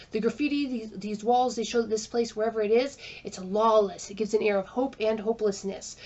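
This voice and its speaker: Woman, episode review, enthusiastic commentary, mid pitch, slightly muffled sound. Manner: enthusiastic, searches for words aloud. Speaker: video essayist reviewing a TV episode. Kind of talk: scripted commentary with asides.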